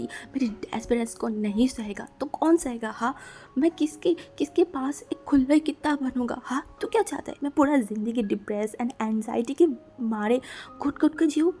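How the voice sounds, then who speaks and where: A woman voicing a furious, possessive young man who bursts out in anguished shouting at his lover in a fan-fiction audio story. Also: fairly high pitch, lightly acted.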